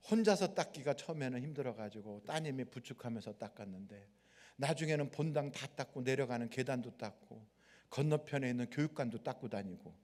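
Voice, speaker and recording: This pastor has a medium-pitched voice and speaks at a moderate pace. Preaching in a large, reverberant worship hall, he tells stories with animation and acts out the people in them.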